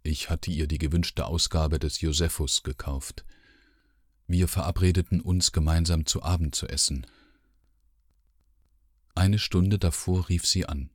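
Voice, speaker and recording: A man narrating a literary audiobook in a measured, sombre first-person voice. His voice sits extremely low and unhurried. The recording is dry and close, with no room sound. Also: steady tone, no room sound.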